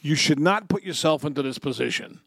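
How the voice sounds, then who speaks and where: A man with a slightly high, gravelly voice and a breathy edge talks a little fast, recorded with no echo. As a podcast co-host, he tells comic stories and banters casually, animated, emphatic and profane.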